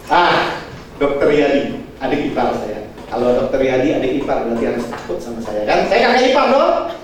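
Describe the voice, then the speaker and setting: Animated preacher man, echoey hall. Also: mid-range voice, brisk, slight background noise. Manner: lively, animated retelling with acted-out dialogue. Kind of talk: storytelling sermon. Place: church hall. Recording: echoey hall, mic far off.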